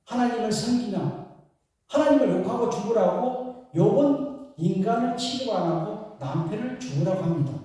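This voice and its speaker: High-voiced pastor in an echoey church. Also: male voice, animated, moderate pace, mellow, recorded from a distance. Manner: storytelling, addresses the congregation. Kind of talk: sermon. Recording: echoey hall, voice from afar.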